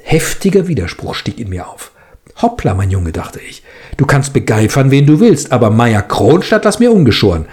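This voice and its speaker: A man's voice: medium pitch, darkish tone. A man reading a story aloud, acting out a heated quarrel and then chatting about it with amused commentary. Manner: acts out both quarrelling characters. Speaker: reader of a story.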